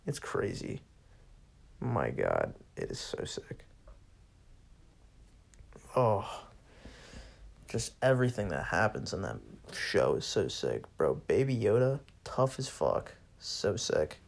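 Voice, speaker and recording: Young male solo podcaster, low and gravelly, profane and sarcastic, casual rant. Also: huge pitch swings, slow. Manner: profane, bored and sarcastic, laughs often.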